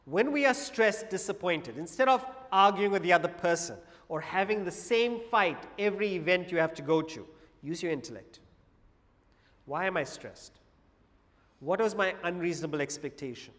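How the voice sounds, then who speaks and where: A man giving a public talk on Vedanta philosophy to an audience, measured and paced with pauses and humorous asides. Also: high-pitched, lively intonation, a bit bright, big-room sound.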